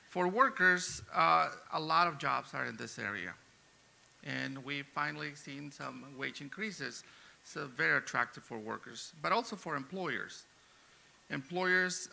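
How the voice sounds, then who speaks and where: A man's voice: on the high side, vocal fry, sharp tone, slight background noise. A man, an economics professor, giving a conference talk off the cuff, with frequent "uh" and "um" fillers. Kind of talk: conference presentation.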